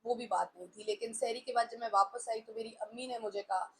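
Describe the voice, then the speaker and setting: A woman's voice: on the high side, fairly even intonation, quick pace, fairly bright tone, poor audio. Forties woman talking openly about her life, switches into english a lot, bit of faint noise behind. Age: 40s. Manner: candid, mixes English phrases into Hindustani speech. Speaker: talk show host. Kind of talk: personal reflective talk.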